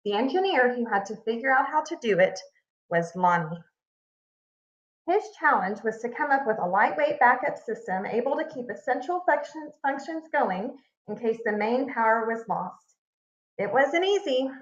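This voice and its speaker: With a voice that sits a little high, a female teacher reads a kids' picture book out loud, stressing important words in a deliberate, expressive way. The recording is slightly muffled and has the echo of the room.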